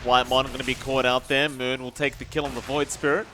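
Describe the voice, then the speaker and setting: A man commentating an esports match, calling the action quickly and rising in the fights. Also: medium pitch, level tone, sharp tone, soft background music. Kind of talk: play-by-play commentary.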